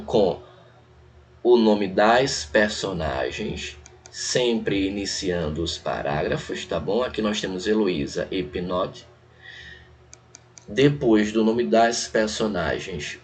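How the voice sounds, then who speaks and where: Low-voiced Brazilian man teaching a class. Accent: Brazilian Portuguese. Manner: conversational, often checks in with the students; walks through a text on screen point by point. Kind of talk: online exam-prep lecture.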